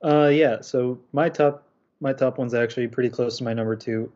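A young man hosts a casual podcast chat, leading the talk in a calm, measured way. His voice sits low and mellow, with little rise and fall. The audio sounds muffled and lo-fi. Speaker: podcast host.

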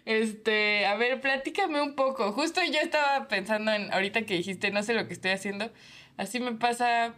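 A woman's voice: a little high, normal speed, a bit bright. Chatty woman hosting a podcast. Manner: chatty, laughs often, rambling with fillers. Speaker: podcast host. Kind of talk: casual chat.

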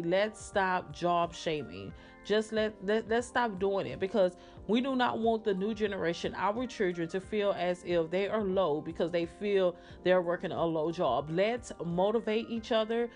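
A woman hosting a casual solo podcast, talking in a sassy, slangy, emphatic way with drawn-out words. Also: medium pitch, a little mellow, faint music behind. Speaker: podcast host.

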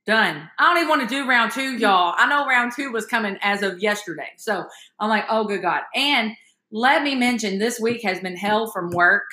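In a roomy-sounding recording, a woman podcast host tells stories casually and calls her audience y'all. Her mid-range voice is expressive and sharp in tone, moving at a moderate pace.

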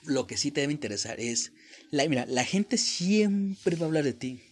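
A man's voice: fairly high pitch, expressive, moderate pace, slightly rough. A young Mexican man with a Mexican accent hosting a podcast, giving a blunt, profane motivational talk straight to the listener. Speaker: podcast host. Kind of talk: motivational monologue.

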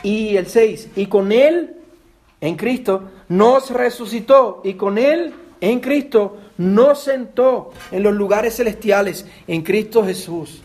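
A man's voice: high-pitched, slow pace, a little mellow. A man with a Puerto Rican accent preaching a sermon as pastor, earnest, repeating words and asking his listeners direct questions. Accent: Puerto Rican Spanish. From Puerto Rico.

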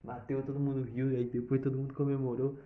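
Animated Brazilian young man telling a story. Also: mid-range voice, fast talker. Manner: animated, with swearing and sound effects. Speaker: vlogger telling a personal story. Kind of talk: casual storytelling. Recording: slightly dull lo-fi recording.

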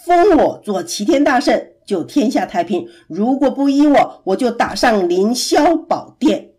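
A woman voicing a boastful, hot-tempered male monkey king in a children's storybook, brash and shouting. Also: mid-range voice, sing-song, moderate pace. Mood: defiant.

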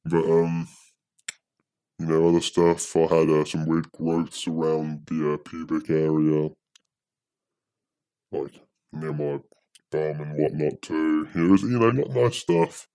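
A man speaking through a pitched-down voice disguise as an anonymous podcast guest, talking hesitantly and rambling with many fillers. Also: fairly even intonation, slow, creaky, pauses often, dark tone, clear, resonant tone, no room sound. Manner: hesitant, rambling, full of "you know". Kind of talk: casual chat.

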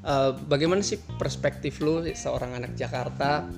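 A man's voice: medium pitch, normal speed, vocal fry, over music. A man from Central Java hosting a casual podcast chat, joking and asking questions with lots of fillers. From Central Java, Indonesia. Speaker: podcast host.

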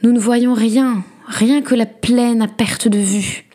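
A woman voicing young sisters on lookout who call out anxiously and then excitedly in a storybook reading. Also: fairly high pitch, takes it slowly, pitched above the performer's own voice. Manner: calling out excitedly. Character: anxious sisters keeping watch, young women.

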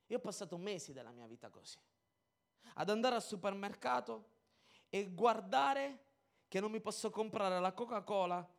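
A high-pitched man delivers an animated sermon. He acts out little dialogues, swinging between shouted emphasis and quiet, confiding asides. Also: normal speed, creaky. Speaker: preacher.

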